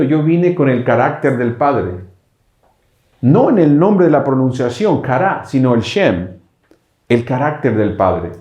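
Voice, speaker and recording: A man's voice: on the high side, dark tone, reverberant. A man teaching a congregation, explaining Hebrew words step by step and often asking his listeners whether they follow. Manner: explanatory, checks understanding with frequent rhetorical questions. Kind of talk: bilingual Bible teaching.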